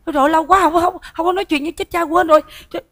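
Comedy sketch: a bossy woman star, high and fast, all teasing jabs. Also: steady tone, fairly bright tone. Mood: scolding banter. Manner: rapid, teasing, exclamatory, bickering. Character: sharp-tongued bossy woman performer, quick to mock. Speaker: comedic lead.

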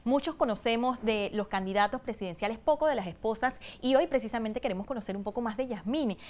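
A woman's voice: fairly high pitch, fast, darkish tone. A woman interviewer on a TV program, asking polite, formal questions.

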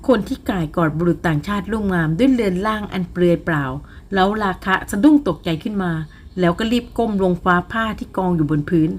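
A woman narrating a romance novel as an audiobook, telling the story in a smooth, even way. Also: fairly low pitch, brisk, hardly any pauses.

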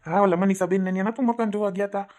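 A woman with a steady, mid-range, slightly mellow, natural voice plays a weary older brother, a harried village farmer, in a comic family skit. She uses a Kathiyawadi Gujarati accent and talks quickly, sounding tired and defensive.

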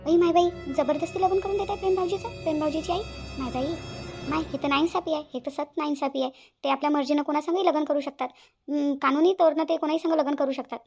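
Cartoon role: a woman voicing a high, fast, exclaiming village daughter-in-law. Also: gravelly, a little mellow. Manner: exclaiming, gossipy. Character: chatty young village daughter-in-law, fussing. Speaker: cartoon voice actress. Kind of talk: cartoon family drama dubbing.

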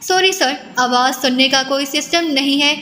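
A woman's voice: high voice, pushed and bright. A woman reading the part of an obedient, apologetic male technician in an audiobook with long reverb and faint noise. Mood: dutiful. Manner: apologetic, dutiful.

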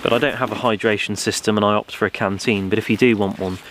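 A man's voice: lowish voice, fairly even intonation, quick pace, background noise. A young man hosting a bushcraft channel, casually talking through his gear outdoors in a forest, rambling with many ums and you knows.

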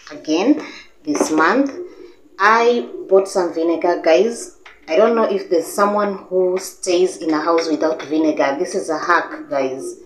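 A woman's voice: on the low side, roomy sound, slight background noise, rough recording. A young Kenyan woman with a Kenyan English accent, chatting casually to camera about her grocery haul, full of fillers and restarts. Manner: chatty, gestures a lot, many fillers and restarts. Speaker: vlogger. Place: living room with a sofa, indoors.

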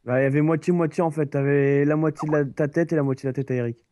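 Brief: joking man talking through a game, a touch high-pitched. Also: fairly even intonation, fast talker, mellow, a little hiss or hum. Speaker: gamer playing with friends. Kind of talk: casual gaming chat.

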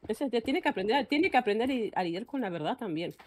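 A woman's voice: on the high side, expressive, quick pace, a little mellow, a little hiss or hum. A woman streamer with an Argentine Spanish accent, ranting bluntly in casual live-stream chat and often cutting herself off mid-sentence. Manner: blunt, ranting, frequent self-interruptions.

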